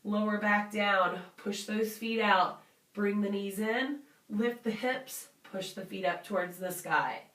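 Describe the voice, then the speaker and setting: Slow-paced woman fitness instructor, roomy distant sound. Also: medium pitch, a bit bright. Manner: encouraging, reassuring, informal. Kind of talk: guided workout instruction.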